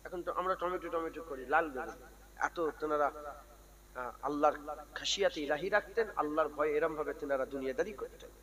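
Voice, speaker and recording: A man preaching a sermon, who climbs from calm talk into loud, sung chanting. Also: on the high side, normal speed, slight background noise, poor audio.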